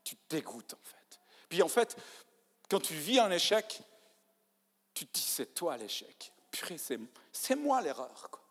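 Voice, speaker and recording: Animated preacher, lively pitch, hall echo. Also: male voice, a little slow, long pauses. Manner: animated, acts out inner voices, swings from hushed to loud. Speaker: pastor. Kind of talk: sermon. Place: church. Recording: church hall reverb.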